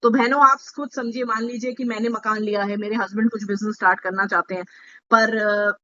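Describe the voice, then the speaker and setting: A woman's voice: medium pitch, steady tone, fairly quick, bright, forceful tone, muffled recording. A woman speaking to party members in an online meeting, explaining a scheme step by step, asking them to note things down and slipping in English terms. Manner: explanatory, asks listeners to take notes, mixes English terms. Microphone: video call.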